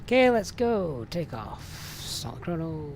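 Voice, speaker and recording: A man flying an airliner simulator live, giving brisk procedural cockpit callouts and commentary. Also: a little high, sing-song, slight background noise.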